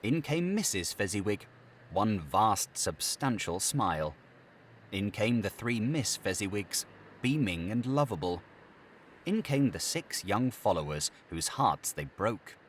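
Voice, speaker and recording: A man reading an audiobook with expressive, theatrical narration. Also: fairly low pitch, a little slow, slight background noise. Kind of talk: scripted narration.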